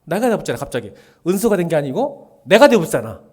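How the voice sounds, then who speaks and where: A middle-aged man preaches a relaxed midweek sermon in a lively, fairly high voice that rises and falls a lot. He jokes with the congregation, slips into quoted dialogue, and sometimes sinks to a soft murmur. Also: fast talker, breathy edge. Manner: chatty and joking, acting out quoted dialogue, often dropping to a murmur. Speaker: pastor.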